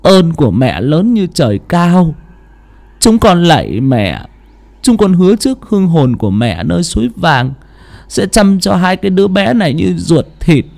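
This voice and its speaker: A man's voice: sits high, big pitch swings, normal speed, gravelly, a little mellow, pitched above the performer's own voice, full character voice. Man plays grieving poor husband, earnest, reverent prayer voice, audio story.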